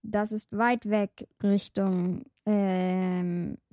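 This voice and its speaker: Shy, hesitant vampire girl, voiced by a woman; slow speech, dry close mic. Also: mid-range voice, level tone, mellow, no echo. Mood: earnest. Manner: hesitant, stammering. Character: timid young female vampire from far away.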